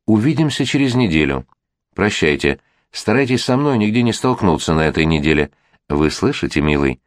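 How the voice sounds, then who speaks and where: A man's voice: sits low, sing-song, normal speed, dry recording, clean studio sound. A man voicing a teasing, cool aristocratic woman who gives her lover orders.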